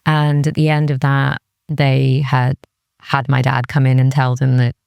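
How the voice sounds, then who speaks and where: Speaking at an extremely low pitch, this woman sounds monotone and a little slow, with vocal fry and a darkish, clear, resonant tone, and there's no echo. She's an interview guest from Cardiff, Wales, who works as a music industry executive. She reflects candidly and seriously, using "like" a lot and quoting her inner thoughts.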